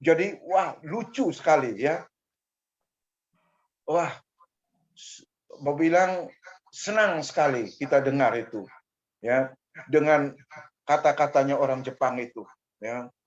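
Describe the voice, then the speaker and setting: An older man, a pastor, telling a personal testimony in a measured way, often dropping a soft "ya" between phrases. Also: fairly high pitch. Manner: measured, fills pauses with a soft "ya". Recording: dull lo-fi recording.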